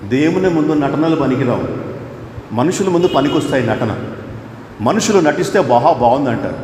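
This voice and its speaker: Male pastor preaching emphatically with a somewhat high voice, recorded in a reverberant hall. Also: lively intonation, normal speed, a little mellow, slight background noise. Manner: emphatic preaching, rising high on quoted pleas. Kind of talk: sermon. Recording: echoey hall with faint ambience.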